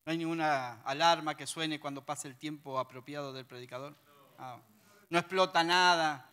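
High, bright-voiced Rioplatense preacher. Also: male voice, normal speed, clean tone. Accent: Rioplatense Spanish. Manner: lively, with humorous asides to the congregation; reads scripture passages aloud. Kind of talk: sermon.

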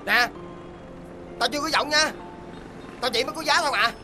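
A woman's voice: high-pitched, over music, natural voice. An actress playing a blunt young woman who scolds a drunk friend. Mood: exasperated. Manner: fast, exasperated scolding.

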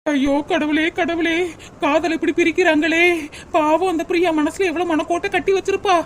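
A woman's voice: extremely high pitch, steady tone, slight background noise. A woman voicing a kind young village woman in a cartoon, consoling and sympathetic, with a southern Tamil accent. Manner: sympathetic, consoling, fast talker. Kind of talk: dubbed cartoon comedy.

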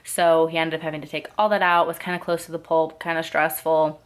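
A dental student in her twenties chats casually to her laptop camera in her bedroom at night, rambling through her day with quick asides. Her voice is deep and her delivery flat.

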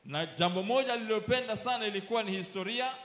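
A man interpreting a sermon, his bright, high voice carrying through an echoey church hall. He follows the preacher closely, repeating each phrase as soon as it is spoken. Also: fast.

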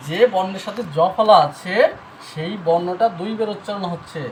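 High-voiced male grammar teacher. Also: moderate pace, a little hiss or hum, rough recording. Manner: explains step by step, repeating and spelling out letters; asks the viewer questions then answers them. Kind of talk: spelling and pronunciation lesson.

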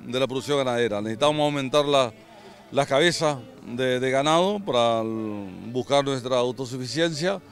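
A middle-aged man giving interview remarks as an official, halting as he searches for words, outdoors on a handheld microphone. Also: mid-range voice. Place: outdoors by cattle pens. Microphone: handheld reporter microphone.

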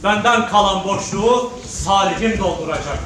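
A man's voice: high-pitched, normal speed, natural voice. A man playing a proud, ageing war veteran and father in a patriotic stage drama, declaiming solemnly in emphatic phrases. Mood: proud, mournful. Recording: very echoey noisy hall from far off.

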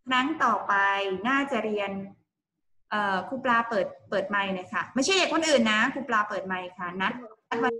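A woman teaching English to young children in an online class, talking slowly and repeating words for them to copy. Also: on the high side, bright, forceful tone, roomy sound, a little hiss or hum, poor audio. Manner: slow, patient, repeats words for kids to copy. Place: home room over a video call. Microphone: video call mic.

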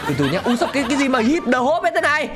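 A man giving excitable gameplay commentary, laughing often and talking straight to his viewers. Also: extremely high pitch, rapid-fire, music in the background. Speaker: gaming channel host.

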